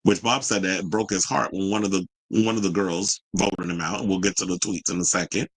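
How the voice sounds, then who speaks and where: A man's voice: sits low, fairly even intonation, brisk, breathy edge, no room sound, poor audio. A man giving casual reaction commentary in a colloquial way, retelling what people said and acting out their quotes. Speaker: commentator recapping a reality show and reading viewer reactions.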